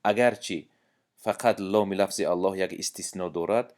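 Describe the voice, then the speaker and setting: A man with a Tajik accent teaching a lesson, explaining patiently with pauses and breaking into slow, drawn-out melodic recitation. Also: sits low, a little mellow.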